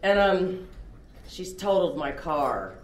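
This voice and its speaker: A woman's voice: lowish voice, big pitch swings, slow pace. A middle-aged woman from Oklahoma giving a candid, self-deprecating personal testimony as a recovery meeting speaker. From Oklahoma, USA. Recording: roomy echoey room.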